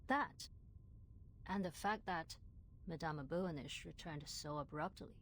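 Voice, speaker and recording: A suspicious woman trading theories in a story game. Her voice is gravelly with vocal fry, her manner pointed, with faint background noise around her. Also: sits low, takes it slowly. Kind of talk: game voice acting. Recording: faint noise and ambience behind.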